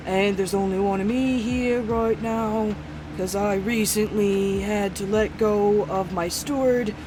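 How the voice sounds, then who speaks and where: A woman's voice: medium pitch, background noise, close to an everyday voice. Woman doing a panicky stammering shopkeeper man. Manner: stammering, pleading. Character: panicky tall male human shopkeeper.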